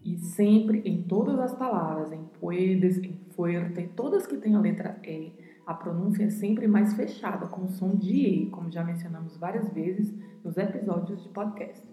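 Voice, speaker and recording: A woman with a Brazilian Portuguese accent hosting a podcast Spanish lesson, explaining pronunciation patiently and slowly. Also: lowish voice. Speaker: podcast host, Spanish teacher. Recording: roomy echo with soft music.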